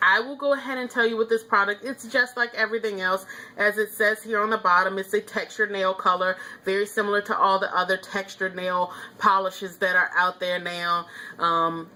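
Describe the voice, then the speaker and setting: Woman, beauty vlogger, casual review, chatty, opinionated, bright clear tone. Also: mid-range voice, fairly even intonation, moderate pace, slight background noise. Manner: chatty, opinionated, frequent ums and laughs.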